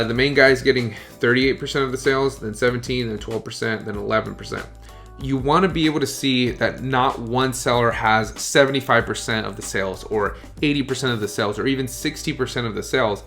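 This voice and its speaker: A man's voice: medium pitch, fairly bright tone. A man coaching online sellers in a casual screen-share tutorial, often checking in with "okay?" and "you guys".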